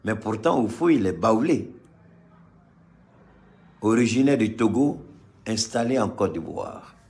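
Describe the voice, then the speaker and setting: Before a live crowd, a man from Mali speaks passionately on politics, repeating lines for emphasis as his volume rises and falls. He has a somewhat low, expressive voice and keeps a measured pace.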